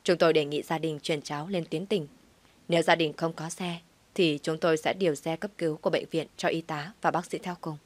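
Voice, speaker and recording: A woman voicing a grave doctor who speaks in a measured, formal way. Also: low-pitched, fairly even intonation.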